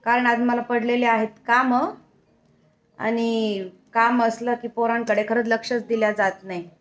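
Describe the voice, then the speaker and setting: A woman's voice: a little high, little pitch movement, measured pace. A mother filming a casual home vlog in her bedroom, chatting to her small son in a sing-song baby-talk way. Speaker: mother and vlogger.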